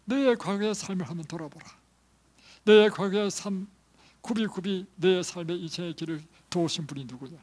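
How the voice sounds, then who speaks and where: A man delivers a sermon in a slightly high, husky voice. He drops to near whispers, then rises to loud, pleading emphasis. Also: a little fast. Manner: preaching with dramatic swings from hushed whispers to loud emphatic calls. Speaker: pastor.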